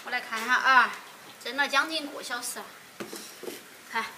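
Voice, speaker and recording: Young female cooking vlogger, Sichuan dialect, fairly high voice, casual chat, noisy outdoor kitchen recording. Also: moderate pace, sharp tone. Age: young adult. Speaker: cooking vlog host. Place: open-air village kitchen.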